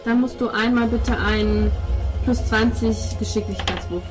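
A woman acting as game master narrates a tabletop role-playing game in a steady, slightly high voice at a moderate pace. Loud music plays under the table talk.

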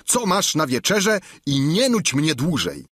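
A man voicing a boisterous, greedy peasant squire in an audiobook, loud and insistent. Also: fairly high pitch, huge pitch swings, measured pace, breathy edge, no echo, clean studio sound, voice pushed up, exaggerated voice. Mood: bossy. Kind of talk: audiobook reading.

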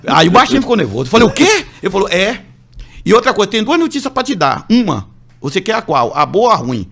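A man's voice: sits high, fast, creaky. A man from Brazil, a pastor, telling a testimony on a radio show and acting out the voices of the people in his story. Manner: animated, acts out voices of others in the story.

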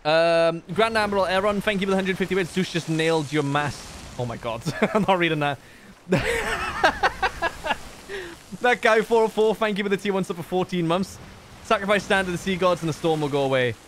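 A man's voice: high voice, lively intonation, moderate pace, a bit bright. A man hosting a livestream, chatting casually and jokily with friends as he plays, swearing freely. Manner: jokey, sweary. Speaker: livestream host. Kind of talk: casual gaming chat with friends. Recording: faint background game noise.

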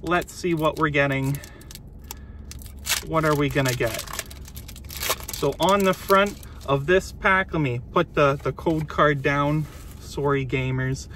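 A man's voice: on the high side, slow, long pauses, fairly bright tone, a little hiss or hum. A man casually chatting to viewers while opening card packs inside his car, easygoing and talkative. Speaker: vlogger. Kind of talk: casual pack-opening vlog.

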